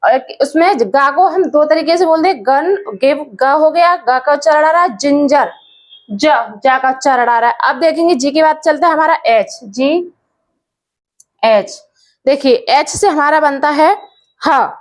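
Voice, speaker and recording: A patient woman teacher, speaking in a high voice at an unhurried pace. She repeats each word and spells it out letter by letter. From India. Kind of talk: English pronunciation lesson.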